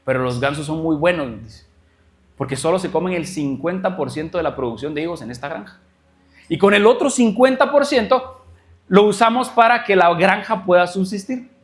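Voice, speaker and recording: A man preaching as a guest speaker, telling a story and acting out quoted dialogue with animated swings in voice. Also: sits high, moderate pace. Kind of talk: sermon storytelling.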